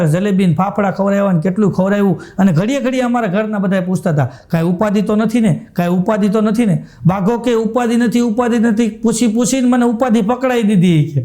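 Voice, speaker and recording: A man's voice: high voice, dark tone. A man with a Kathiyawadi Gujarati accent telling jokes on a live stage, chuckling through his punchlines and repeating his catchphrases. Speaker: stand-up comedian. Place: live stage show with audience.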